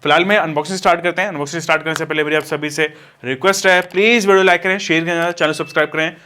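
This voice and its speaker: A man's voice: fairly high pitch, steady tone, rapid-fire, pushed and bright, a little hiss or hum. A man casually reviewing and unboxing a speaker, talking to viewers as friends and using plenty of fillers. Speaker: DJ equipment vlogger.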